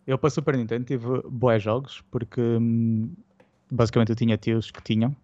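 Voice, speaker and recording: A man's voice: mid-range voice, level tone, moderate pace, dark tone, no room sound, lo-fi sound. A man with a European Portuguese accent chatting casually and using plenty of slang. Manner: colloquial, slangy. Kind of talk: casual chat about retro gaming.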